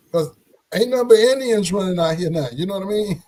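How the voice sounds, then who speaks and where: In a casual group discussion, a man speaks conversationally, frequently using tag questions to check his listeners agree and follow along. His mellow voice sits high with lively intonation at normal speed, on a rough recording.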